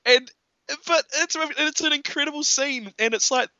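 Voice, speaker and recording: A man in casual film chat, animated, laughing often and acting out quotes. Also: extremely high pitch, measured pace, dry recording, highs cut off.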